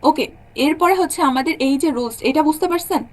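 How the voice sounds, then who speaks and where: Teaching German online, a young woman explains the rules stage by stage and keeps confirming that her class is with her. She speaks a little fast in a high voice.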